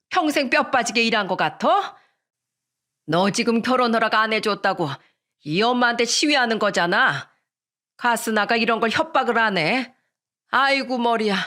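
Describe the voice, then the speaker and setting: A woman's voice: on the high side, pushed and bright. Woman voicing a dramatic scolding mother. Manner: exasperated wailing, drawn-out complaints. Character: scolding middle-aged mother, dramatic and stubborn. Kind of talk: radio story reading.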